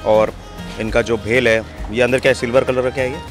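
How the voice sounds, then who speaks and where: A man's voice: medium pitch, little pitch movement, soft background music. Chatty young man vlogging street food. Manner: chatty, enthusiastic, asks quick questions. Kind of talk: casual street food vlog. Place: outdoors on a city street. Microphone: handheld lapel mic.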